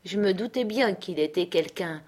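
A woman reading aloud, voicing a rough, blustering man who swears in surprise. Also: fairly low pitch, expressive, moderate pace, darkish tone. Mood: gruff. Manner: gruff and swearing.

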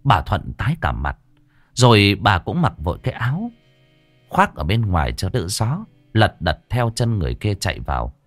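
A man reading a scripted ghost story in a dramatic, expressive way. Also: on the low side, moderate pace, dry recording. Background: faint music.

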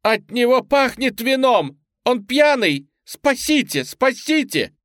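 A man voicing an indignant young female nurse with a Polish accent, speaking in a high, shrill voice. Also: very animated, slow, fairly bright tone, dry recording, studio quality, heavily acted. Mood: shrieking.

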